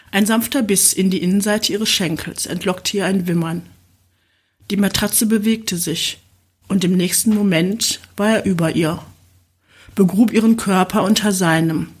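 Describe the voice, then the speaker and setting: A woman reading an erotic novel aloud as audiobook narration, slow and sensual. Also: lowish voice, slightly rough.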